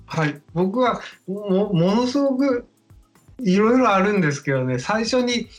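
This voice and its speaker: A man's voice: high voice, animated, moderate pace, faint music behind, poor audio. A man in his forties telling anecdotes in a casual podcast conversation. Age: 40s.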